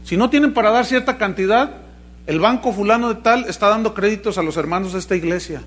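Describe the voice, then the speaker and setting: A male pastor with a high, somewhat bright voice preaches quickly to a live congregation. In a mocking, humorous way, he teases the listeners and peppers them with questions.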